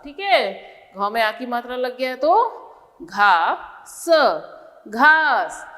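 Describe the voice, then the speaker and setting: A woman's voice: sits high, pushed and bright, in a large hall. A woman teacher giving a kindergarten reading lesson, sounding out letters and syllables one by one.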